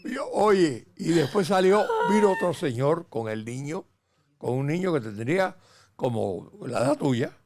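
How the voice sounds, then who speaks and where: An older man, a grandfather hosting a casual family chat, telling stories with animated energy and many restarts. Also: on the high side, a little slow. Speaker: podcast host, grandfather.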